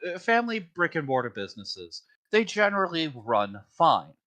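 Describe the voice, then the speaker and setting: A man's voice: a little high, sing-song, moderate pace, sharp tone. A man co-hosting a podcast in casual chat, ranting bluntly and swearing freely. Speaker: podcast co-host.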